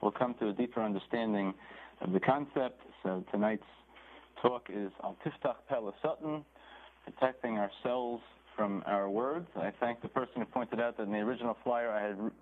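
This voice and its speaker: A man's voice: lowish voice, moderate pace. A man teaching a Torah class, reading phrases from a text, translating them, and retelling the story with animation. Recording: tinny phone-like recording with faint noise.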